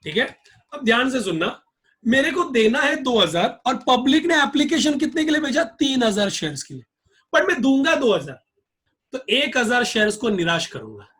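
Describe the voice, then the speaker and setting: A man's voice: extremely high pitch, sing-song, moderate pace, a bit bright. A male accounts teacher giving a classroom lecture, drilling his students with repeated questions.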